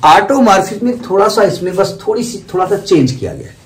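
Math teacher, male, somewhat high voice, patient step-by-step lecturing, heard from afar in an echoey classroom. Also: big pitch swings, quick pace. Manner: explains step by step, repeats terms, asks the class questions. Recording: echoey room from far off, faint noise.

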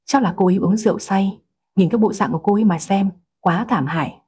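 A woman reading the lines of a calm young man who owns a bakery, in her own soft, breathy voice. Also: mid-range voice, fast. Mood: sympathetic.

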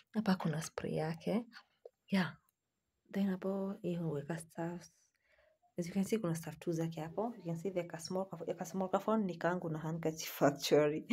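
A chatty young Kenyan woman with a Kenyan accent, talking her viewers through a small bedsitter while she films on her phone. Her voice sits a little low and sounds mellow and slightly husky, and she keeps slipping into soft, breathy asides. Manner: chatty, addresses viewers as "guys", drops to soft half-whispered asides. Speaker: vlogger giving a house tour. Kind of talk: casual tour narration mixing Swahili and English. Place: small bedsitter flat, indoors. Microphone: phone held while filming.

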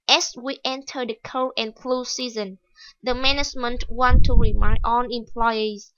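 A woman's voice: fairly high pitch, fairly bright tone, dry recording, poor audio. A woman teaching a TOEIC reading lesson, explaining step by step and repeating key words. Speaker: English teacher.

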